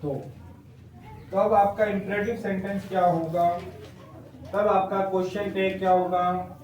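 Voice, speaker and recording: A man's voice: sits high, flat delivery, measured pace, darkish tone. A male teacher giving a grammar lesson, explaining step by step and checking in with the class often. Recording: echoey room, mic at a distance.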